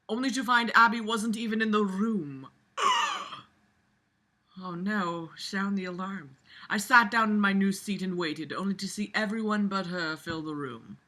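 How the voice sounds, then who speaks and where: A woman reads aloud informally in a mid-range voice with a sharp tone, peppering the text with mocking remarks. Sarcastic, fed up and profane, she's an amateur reader and commentator with a regular following.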